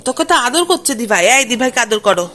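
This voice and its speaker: Lively high-pitched mother coaxing her kids. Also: fast, faint music behind. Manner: playful, sing-song baby talk and scolding. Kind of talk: home vlog, talking to her children.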